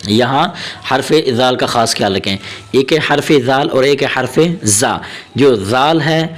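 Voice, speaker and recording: A man teaching Quran reading, patiently drawing out each letter sound slowly and repeating drills, with gentle coaching explanations between them. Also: medium pitch. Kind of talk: step-by-step pronunciation lesson.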